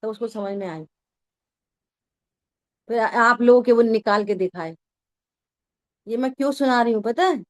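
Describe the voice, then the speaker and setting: High-voiced woman teaching a scripture class. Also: a little slow, pauses often. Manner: conversational, keeps checking that listeners follow. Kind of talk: religious discourse to a class.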